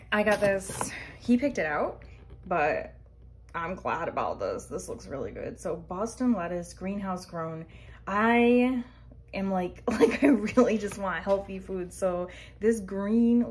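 A woman's voice: medium pitch, expressive, slow pace. A young woman chatting casually as she shows her groceries to a phone camera, rambling with lots of fillers and asides. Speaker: vegan grocery haul vlogger. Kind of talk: casual chat. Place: indoors at home. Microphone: handheld phone filming products. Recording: noticeable background noise.

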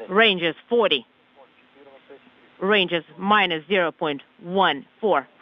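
A man on a muffled radio link, dictating technical readings in short, measured, halting phrases as a spacecraft communicator. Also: high voice, slight background noise. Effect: radio transmission. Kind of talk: technical radio callouts of numbers.

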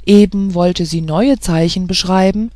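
Dry, measured audiobook narrator. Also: medium pitch, steady tone, mellow, dry recording. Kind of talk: scripted fairy-tale narration.

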